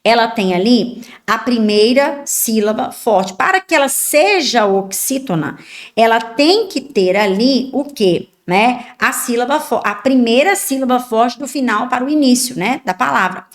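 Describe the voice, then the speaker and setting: A Brazilian woman teaches an exam prep class, her voice sitting a little high. She explains step by step and keeps asking her students whether they follow. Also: lively intonation, a little slow. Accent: Brazilian Portuguese. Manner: explanatory, many tag questions. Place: online class video.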